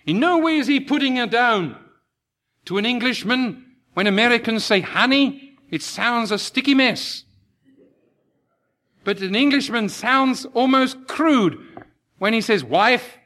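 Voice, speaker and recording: Male preacher, very high bright voice, deliberate unhurried sermon delivery with impassioned climbs. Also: expressive. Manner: slow, emphatic preaching with rising impassioned peaks.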